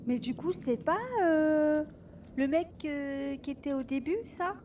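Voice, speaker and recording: A woman's voice: high voice, measured pace, a little mellow. A woman playing a game with a friend, chatty and laughing often. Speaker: co-op gaming partner. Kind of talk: let's play commentary. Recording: distant mic with clear background noise.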